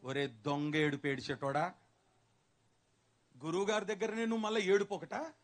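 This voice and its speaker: A man preaches a sermon into a microphone in a church hall, his voice sitting high for a man. He keeps pressing the congregation to call the answers back and slips into voices to act out the Bible stories. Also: fairly even intonation, moderate pace. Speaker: pastor.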